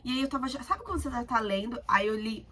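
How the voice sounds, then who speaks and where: A woman's voice: on the high side, quick pace, slight background noise. A talkative young woman with a Brazilian accent, chatting casually to camera as a student vlogger. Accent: Brazilian Portuguese. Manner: chatty, talkative, animated storytelling.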